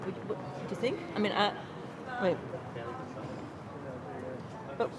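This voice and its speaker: A woman's voice: medium pitch, slow. A woman musician chatting casually outdoors, repeating words as she thinks aloud in a hesitant way. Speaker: harp teacher and musician. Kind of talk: casual chat. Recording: outdoors with crowd chatter behind.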